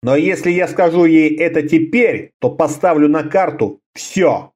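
A man voicing a proud young barbarian warrior who speaks calmly and tersely. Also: on the high side, unhurried. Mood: cool. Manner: calm, terse.

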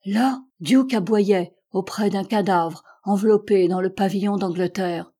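A woman narrating a classic adventure novel as an audiobook in a measured, steady reading voice. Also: medium pitch, husky. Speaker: audiobook reader.

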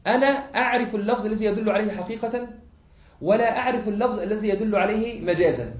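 A man with an Egyptian accent, teaching a lesson as a sheikh, often pausing to have students fill in the word and repeating points. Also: high voice. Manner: asks the class to fill in words, repeats points. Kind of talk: classroom lesson. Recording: echoey hall, muffled lo-fi.

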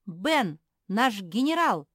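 Brief: woman playing a big, gushing animal girl, high and loud. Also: level tone, slow, no room sound, studio quality. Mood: rallying. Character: big female animal, bold and excitable.

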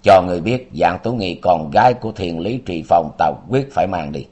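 A menacing martial-arts master speaks in a sharp, icy tone, as a man reading the story voices him. His voice is deep and the delivery cold. It is an audiobook of a martial-arts tale. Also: expressive, fairly quick, breathy edge.

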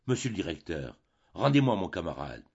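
A man's voice: deep voice, sing-song, fairly quick, creaky, breathy edge, dull audio, pitched below the performer's own voice, full character voice. A man voicing a desperate male prisoner who speaks in an earnest, pleading way.

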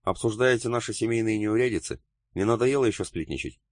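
A man playing a brisk lively young woman. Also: on the low side, no echo, clean studio sound, pitched above the performer's own voice, close to an everyday voice. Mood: breezy. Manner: lively, breezy, teasing. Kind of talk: audiobook character reading.

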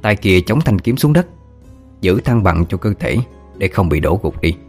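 Deep-voiced man narrating a ghost story. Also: very animated, moderate pace, breathy edge, faint music behind. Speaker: audiobook narrator.

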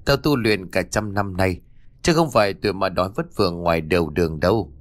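A man's voice: low-pitched, brisk, dry recording, close to an everyday voice. A man doing a snarling vengeful old spirit. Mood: menacing. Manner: snarling, threatening. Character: vengeful old male spirit possessing a boy.

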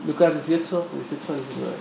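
A man preaching a sermon, lively and questioning, talking straight to the people in front of him. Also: on the high side, fast talker, gravelly, noisy background. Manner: lively, talks with the audience, asks questions. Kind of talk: sermon teaching. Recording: echoey room with faint ambience.

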